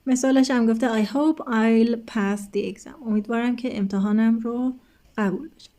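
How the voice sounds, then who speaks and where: A woman's voice: fairly high pitch, fairly even intonation, mellow. A woman teacher explaining an English textbook lesson step by step, patiently addressing her students.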